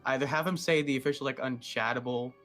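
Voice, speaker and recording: A man's voice: medium pitch, steady tone, fast talker, a bit bright, soft background music. A man co-hosting a podcast, asking questions in a rambling, casual way. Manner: rambling, filler-heavy. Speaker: podcast co-host.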